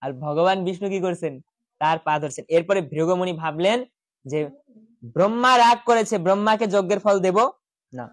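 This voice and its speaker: A lively man tells scripture stories to children in a village house. He acts out the lines of gods and keeps asking his pupils questions. His voice is close and dry, with no room sound. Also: sits high, normal speed, dry recording. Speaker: Gita school teacher. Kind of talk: storytelling scripture lesson to children.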